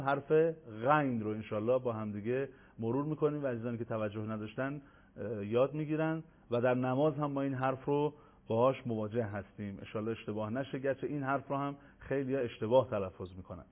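Male Quran recitation teacher, patient and explanatory, mid-pitched voice over a narrow phone-like line. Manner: patient, explanatory, repeats letter sounds slowly. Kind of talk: broadcast lesson.

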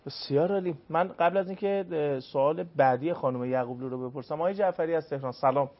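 A man hosts a call-in radio show, greeting callers and relaying their questions in a courteous, brisk way. His voice sits a little high. The broadcast sound is dull and lo-fi. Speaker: radio host.

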